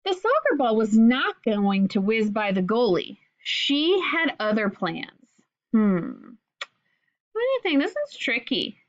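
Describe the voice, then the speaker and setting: A woman teaching figurative language to children, asking questions and sounding words out slowly in an encouraging way. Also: fairly high pitch, sing-song. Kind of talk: explaining lesson to children. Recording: dull lo-fi recording.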